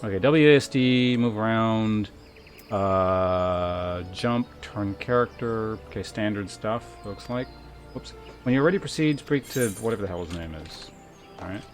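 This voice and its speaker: In an unhurried, lowish voice, a man livestreams a game with music in the background. His talk is loose and rambling, with thinking aloud and the odd profanity.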